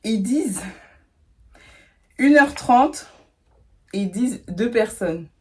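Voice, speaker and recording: A woman's voice: fairly high pitch, animated, slow pace, dark tone, poor audio. A young woman chatting casually in a home vlog from her bedroom, slangy and self-mocking. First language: not English. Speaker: vlogger.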